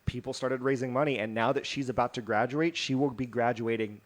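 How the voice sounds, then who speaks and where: A man's voice: medium pitch, fairly even intonation, fairly quick. A man co-hosting a casual podcast, reading out news stories in a rambling, jokey way with lots of fillers and restarts. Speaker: podcast co-host.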